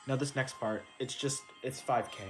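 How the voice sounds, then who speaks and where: Young male tutorial voice at a mid pitch, loose and profane, counting beats over clear game music. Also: steady tone, normal speed. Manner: laid-back, swears casually, restarts sentences; counts out note timings aloud. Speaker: rhythm game player explaining a chart. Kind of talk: casual tutorial commentary. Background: rhythm game music.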